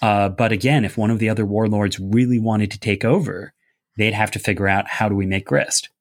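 In a clean, echo-free studio recording, a man with a lowish voice discusses a fantasy setting he designed. He speaks fairly quickly with fairly even intonation, explaining at length, wandering off track, and using lots of fillers.

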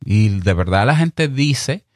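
Clear-spoken Dominican man giving podcast advice. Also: lowish voice, animated, a little mellow, no echo, studio quality. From Dominican Republic. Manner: emphatic, direct, speaks slowly and clearly on purpose. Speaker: podcast host. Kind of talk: advice talk to fellow podcasters.

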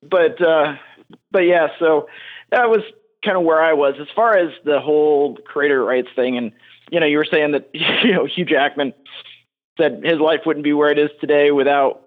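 A man's voice: on the high side, fairly even intonation. Hesitant male caller on a tinny phone line. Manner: hesitant, halting, many restarts. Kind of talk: casual call-in chat.

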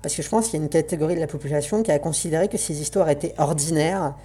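A woman's voice: low voice, mellow. A woman talking through a voice changer, giving an earnest, reflective spoken essay on roleplaying games and searching for her words.

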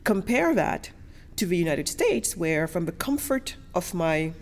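Measured and sing-song, her lowish voice carries over slight background noise as she recounts personal stories in an interview. She comes from Senegal, later lived in Germany and France, and speaks emphatically, repeating words to stress them.

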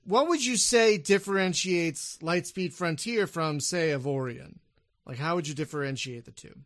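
A man's voice: a little high, normal speed, fairly bright tone, no room sound. A man hosting a casual podcast interview, chatty and upbeat, often restarting his sentences. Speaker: podcast host.

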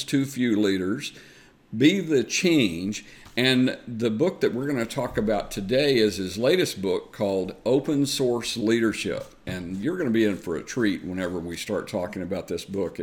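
A man with a Southern US accent hosting an interview show, chatty and upbeat, with lots of uh fillers. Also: on the low side. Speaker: podcast host. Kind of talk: friendly conversational interview.

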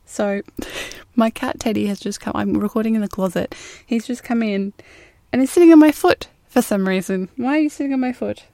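A woman's voice: on the high side, a little fast, warm tone, dry recording. An Australian woman hosting a casual solo podcast, recorded close to the mic inside a small closet at home, chatty and upbeat. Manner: chatty and upbeat, with frequent fillers. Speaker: podcast host.

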